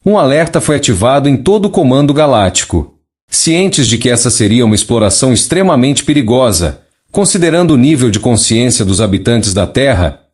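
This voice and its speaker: A man's voice: mid-range voice, a little mellow. Formal synthetic male narrator. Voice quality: synthetic neural text-to-speech voice. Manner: formal, measured. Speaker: narrator reading a channeled message. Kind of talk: scripted narration, formal proclamation.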